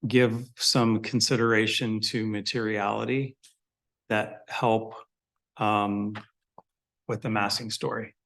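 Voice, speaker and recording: A man's voice: on the low side, flat delivery, slow, creaky, fairly bright tone. A man chairing a public commission meeting, informal and decisive, with a joking manner.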